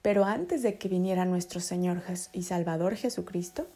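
A woman's voice: lowish voice, normal speed, dark tone. A woman hosting a children's podcast in a kids show host manner, telling stories and explaining things simply to young listeners.

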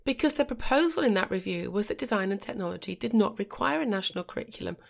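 A middle-aged woman with a croaky voice from a cold, hosting a podcast in a measured, reflective monologue. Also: medium pitch, animated. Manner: measured, reflective delivery with occasional restarts. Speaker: podcast host.

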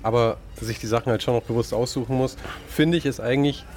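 A man's voice: mid-range voice, fairly even intonation, quick pace, darkish tone. A man hosting a casual chat, asking curious follow-up questions. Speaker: host.

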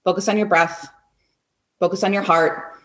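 A woman's voice: lowish voice, steady tone, normal speed. A woman who is a coach and author, a guest on a podcast interview, talking energetically and acting out her own inner voice with emphatic bursts.

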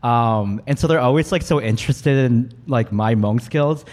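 A man hosting a casual chat, relaxed and laughing easily. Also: mid-range voice, moderate pace.

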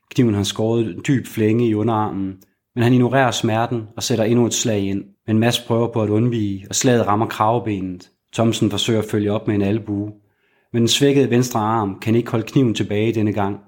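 A man reading a crime thriller aloud as a narrator, with a measured, even storytelling delivery. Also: lowish voice.

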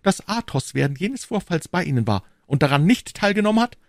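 A man's voice: high voice, sing-song, fairly quick, creaky, dry recording, clean studio sound, pitched above the performer's own voice, full character voice. A man voicing an anxious, hesitant king who speaks in a raised, fretful way. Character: anxious, hesitant male king, uneasy ruler.

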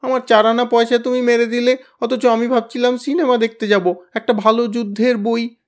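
A man's voice: extremely high pitch, little pitch movement, moderate pace, pitched above the performer's own voice. A man voicing a timid teenage boy on the verge of tears, whimpering and plaintive. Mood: tearful.

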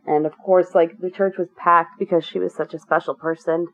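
A woman's voice: lowish voice, steady tone, brisk. A woman being interviewed as a guest, talking candidly and at length, with many fillers and restarts. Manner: earnest, rambling with many fillers. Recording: tinny phone-like line.

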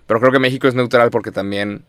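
A young Mexican man in casual chat, animated and rambling, sprinkling in slang and swearing. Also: mid-range voice, fast talker, dry recording, clean studio sound. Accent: Mexican Spanish.

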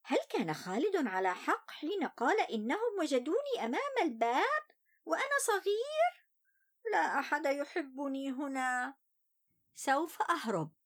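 A woman's voice: high-pitched, very animated, normal speed, voice pushed up. A woman voicing a sulky, plaintive young boy who feels unloved, in a children's story. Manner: plaintive, complaining.

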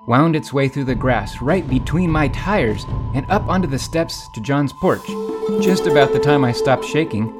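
A man narrating as a small motorcycle in earnest, scripted storytelling over guitar music. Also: mid-range voice.

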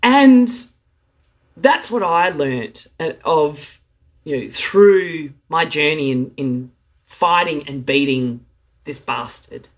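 A woman's voice: low voice, expressive, takes it slowly. An adult woman in a heartfelt monologue, earnest and emotional, often stopping and restarting her sentences. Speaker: speaker sharing her experience of anxiety. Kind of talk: heartfelt direct-to-camera monologue.

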